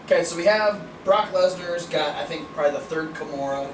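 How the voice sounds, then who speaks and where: A man's voice: on the high side, brisk. A man hosting a casual wrestling review podcast, laid-back, laughing often and swearing casually. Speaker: podcast host. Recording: roomy, distant mic, noisy background.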